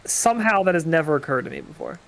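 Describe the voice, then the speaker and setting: A man's voice: fairly high pitch, sing-song, quick pace, creaky, fairly bright tone. A man chatting casually as a co-streamer on a game livestream. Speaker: co-streamer reading game dialogue.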